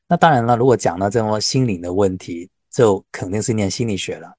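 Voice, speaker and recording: A man's voice: fairly low pitch, a little mellow, breathy edge, no room sound, studio quality. A man from Hong Kong with a Cantonese accent in Mandarin, talking reflectively as a teacher and mixing in English words. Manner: mixes English words into speech. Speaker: Buddhist counselling teacher. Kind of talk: reflective personal talk in a livestream.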